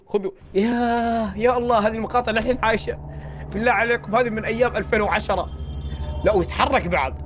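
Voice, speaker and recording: Excitable guy yelling and joking over clips, high voice, talks quick. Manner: excitable, joking, shouty exclamations. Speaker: reaction video host. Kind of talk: reacting to horror clips.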